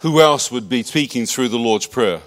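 A man telling his story in short, measured phrases, pausing between lines so they can be interpreted. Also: medium pitch. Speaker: guest speaker giving testimony. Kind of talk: emotional spoken testimony, paused for interpreter.

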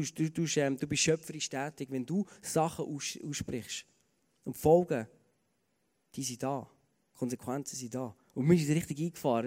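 A man's voice: a little high, darkish tone. A man with a Swiss German accent preaching a sermon in an earnest, conversational way, with many fillers and repeated starts. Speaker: pastor. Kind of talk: sermon with personal stories. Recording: long hall reverb.

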